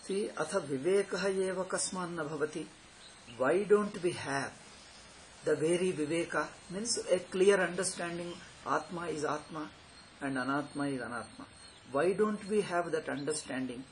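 A man's voice: on the high side, moderate pace. A man in his sixties with a South Indian accent, giving an informal spiritual lecture in a didactic, repetitive, questioning manner. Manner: didactic, repeats phrases and poses questions. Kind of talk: informal explanatory lecture on scripture with Sanskrit terms. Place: small plain room indoors. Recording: noisy amateur home recording.

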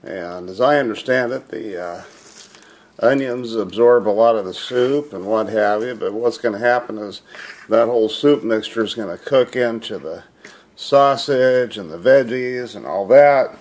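Slow, low-voiced man narrating his cooking. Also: a little mellow. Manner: rambling, folksy, many fillers. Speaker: home cook hosting a cooking video. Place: home kitchen.

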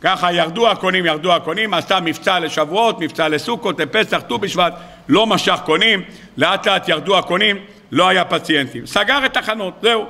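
A man, a rabbi, giving a sermon full of stories and acting out the dialogue with lively voices. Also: high voice. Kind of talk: sermon with storytelling.

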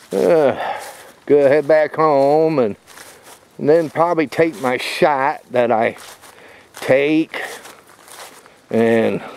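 A middle-aged man films himself on a phone held at arm's length while walking a wooded trail, vlogging in a loose ramble full of fillers and restarts. His voice is on the high side, darkish, clear and resonant.

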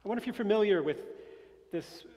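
A pastor opening his sermon in a relaxed conversational way, with light humor. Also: high-pitched, fast, a little hiss or hum. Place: church sanctuary. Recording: church hall reverb.

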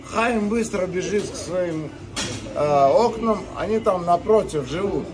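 A man in his thirties telling an anecdote informally, haltingly and with repeated phrases, at a café table. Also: high voice, over music, rough recording. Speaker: guest joke-teller.

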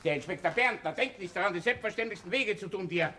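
An older male Austrian chief inspector in a berserk rage. The voice is sharp and pushed high, barking orders and reprimands in a television crime drama. The old soundtrack carries faint noise. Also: lively intonation, fast talker. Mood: furious. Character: burly older police boss in berserk rage. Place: office set.

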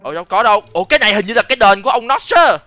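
A young man hosting a game video, chatting playfully in role and excitedly repeating words. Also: high voice, rapid-fire, no echo. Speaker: gaming channel host.

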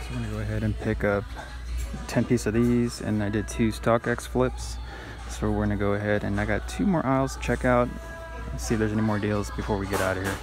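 This sneaker reseller, a man in his thirties, has a low, creaky voice as he chats casually through his vlog. He's easygoing and leans on filler words, holding his phone at arm's length in his parked car and around retail stores.

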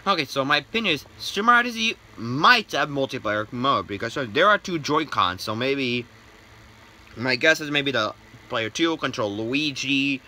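A man hosting a casual gaming news vlog, excitable and rambling, with many restarts and false starts. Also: medium pitch, moderate pace. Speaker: gaming YouTuber.

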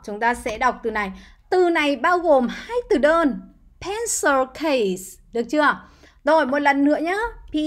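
A woman's voice: sits high, fairly bright tone. A woman teaching English words to young children, spelling each one letter by letter and coaxing them to repeat after her. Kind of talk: slow, patient spelling lesson.

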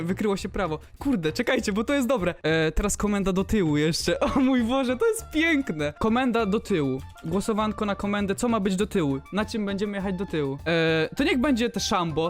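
A young man giving casual gaming commentary, excitable, swearing and laughing often. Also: high voice, brisk, few pauses, soft background music. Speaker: gaming youtuber.

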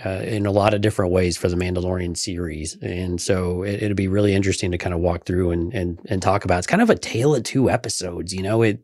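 Easygoing male podcast co-host, low voice, dry close sound, chatty and joking. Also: fast talker, hardly any pauses, darkish tone, no room sound. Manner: easygoing, joking, stumbling restarts. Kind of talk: casual podcast chat.

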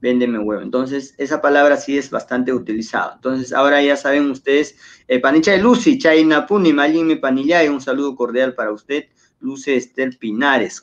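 A man teaches a language lesson on a web TV channel, speaking at a mid pitch. He explains patiently and says each word over and over so learners catch the sounds. The broadcast audio sounds somewhat dull and lo-fi. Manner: patient, explanatory, repeats words for pronunciation.

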